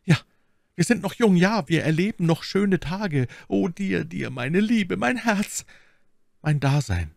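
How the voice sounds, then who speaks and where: A man's voice: sing-song, normal speed, vocal fry, darkish tone, dry recording, clean studio sound. A man voicing a young, passionate musketeer who gushes in a raised voice. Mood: rapturous. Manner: gushing, high and passionate. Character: young rapturous lovesick musketeer.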